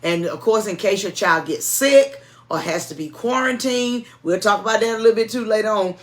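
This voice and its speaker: A woman's voice: medium pitch, brisk. A middle-aged woman giving informal, cautioning advice and announcements in a folksy, emphatic way. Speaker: church music director and co-host.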